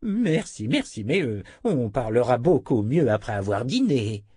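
A man putting on a slow, cranky old wizard. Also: medium pitch, sing-song, darkish tone, breathy edge, dry recording, studio quality. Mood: grumbling.

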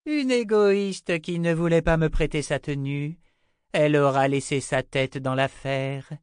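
A man's voice: on the high side, measured pace, clean tone, dry recording, pitched above the performer's own voice, lightly acted. A raised, hard-edged woman's voice, put on by a male narrator, that sneers and commands in clipped phrases. Menace sits under every line. Dry, close audiobook sound. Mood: mocking. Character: menacing young woman warrior, cold and mocking.

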